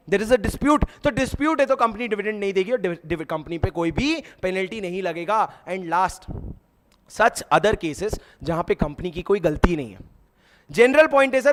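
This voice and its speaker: High-voiced man drilling an exam lecture. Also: a bit bright, slight background noise. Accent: Indian English mixed into Hindi. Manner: rhetorical questions answered himself, mnemonic drilling. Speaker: teacher.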